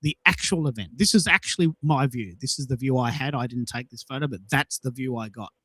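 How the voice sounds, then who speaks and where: In a mid-range, brisk voice with a sharp, slightly rough tone, a man hosting a social audio show shares personal stories. He speaks emphatically, repeats things for effect, and the recording is dry.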